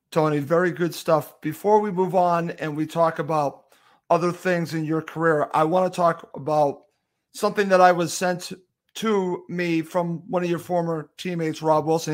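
A man's voice: on the high side, steady tone, normal speed. A man hosting an interview, politely asking questions and reading out messages sent in for the guest. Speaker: podcast host, interviewer.

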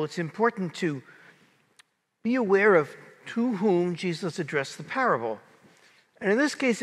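A man's voice: sits high, a bit bright. An older man, a priest, speaking solemnly in scripture reading and homily, his voice carried in cathedral echo. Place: large indoor church sanctuary. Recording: long church echo.

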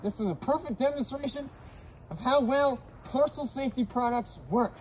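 Speaking at a moderate pace through a gas mask, this young guy swears brashly and breathes heavily while casually testing and demonstrating safety gear for his vlog. There's slight noise behind him, and the recording is rough.

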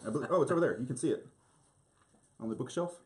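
A man co-hosting a casual podcast chat, joking and quick with asides. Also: medium pitch, expressive, darkish tone. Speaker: podcast co-host.

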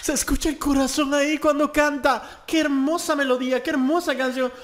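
A man's voice: very high voice, fairly even intonation, a little fast. A young man from Latin America hosting a music reaction, gushing with exclamations and pointing out singing technique as a song plays. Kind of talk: reaction commentary over a song. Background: song playing faintly.

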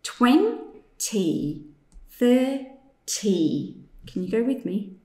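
A woman presents a lesson for young children in a slow, carefully enunciated voice. Her mid-pitched delivery moves up and down in an animated way as she instructs and asks simple questions. The room adds a noticeable echo. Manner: clearly enunciated, drawn-out number words, simple guiding questions. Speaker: teacher presenting a maths activity. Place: indoors in a room, demonstrating at a tabletop. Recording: echoey room.

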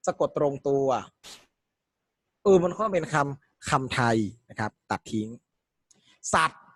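A man's voice: a little high, a bit bright, no echo. Quizzing male tutor on a dry close mic. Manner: explains step by step, quizzing students with questions. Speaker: Thai language tutor. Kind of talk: exam-prep lesson.

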